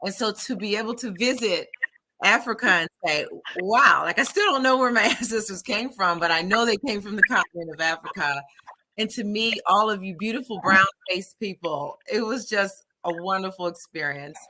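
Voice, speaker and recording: A middle-aged American woman hosting an interview, telling a story in an animated, chatty way and calling her viewers "y'all". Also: mid-range voice, normal speed, a little hiss or hum, poor audio. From United States. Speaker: host and trauma therapist. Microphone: video call.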